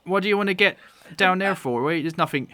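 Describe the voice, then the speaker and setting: A man's voice: high voice, fast, pushed and bright, no echo, pitched above the performer's own voice. A man voicing a suspicious halfling farmer woman who is protective of her son. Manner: suspicious, scolding.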